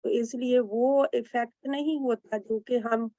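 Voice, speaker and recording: A woman student giving earnest, gentle advice during an online class discussion. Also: a little high, steady tone, measured pace, no room sound, muffled recording.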